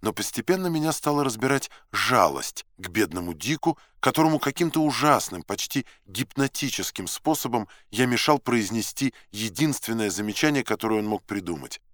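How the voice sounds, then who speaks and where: A man narrates a novel in the first person with a low voice. His reading is measured and dramatic, with an ironic edge. The sound is dry and close to the mic. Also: expressive, fairly bright tone, dry recording. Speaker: audiobook narrator.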